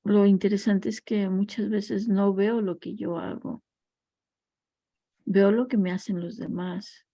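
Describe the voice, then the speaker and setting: Slow, reflective woman teacher. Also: medium pitch, fairly even intonation, mellow, dry recording. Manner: slow, reflective, tells parables and personal stories. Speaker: family constellations teacher. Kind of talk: recorded class lecture.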